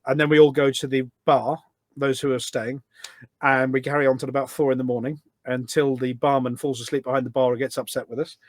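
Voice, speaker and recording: Speaking briskly with little pitch movement, this medium-voiced British man chats on a podcast about his work organising charity events. He tells casual stories with eager emphasis, frequently circling back to repeat himself. There's no echo in the recording.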